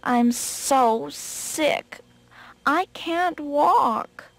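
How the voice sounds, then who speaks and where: A woman's voice: high-pitched, very animated, unhurried. Woman voicing a sly boastful rabbit. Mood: feigning sickness. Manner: cocky, then fakes a weak sickly voice. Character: tricky boastful male rabbit.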